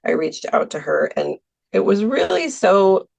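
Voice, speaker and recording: On a podcast set in Milwaukee, US, a woman guest talks casually about teaching art. Her lowish, husky voice is expressive and unhurried, with vocal fry and a darkish tone, and she hesitates with many ums and small laughs.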